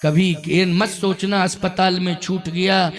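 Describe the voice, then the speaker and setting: A man preaching a devotional sermon, addressing his listeners directly with repeated questions and emphatic, sometimes loud exclamations. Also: sits high, flat delivery, a little slow, soft background music. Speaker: Ram Katha preacher.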